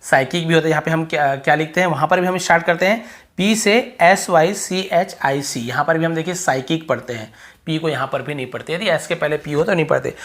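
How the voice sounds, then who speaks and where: Male teacher with a Hindi accent, patient drilling delivery, repeats example words slowly. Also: a little high, a bit bright. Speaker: English pronunciation teacher. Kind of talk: explaining silent-letter rules.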